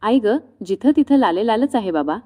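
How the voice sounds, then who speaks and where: A woman voicing a tired farmer father who forces himself to hawk tomatoes loudly. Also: medium pitch, animated, normal speed, lightly acted. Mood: weary. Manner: forced loud hawking.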